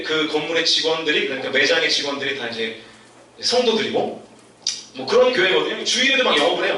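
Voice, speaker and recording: A man's voice: a little high, pushed and bright. Man preaching in an echoey church hall. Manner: chatty storytelling, acts out quoted voices. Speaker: youth pastor. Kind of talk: sermon to young adults. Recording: echoey church hall, distant mic, faint noise.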